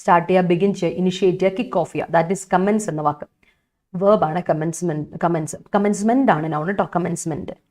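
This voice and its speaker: A woman's voice: lowish voice, fast, darkish tone. A young woman with a Malayali accent teaching English vocabulary in an online exam-prep lesson, chatty and coaxing, repeating key points.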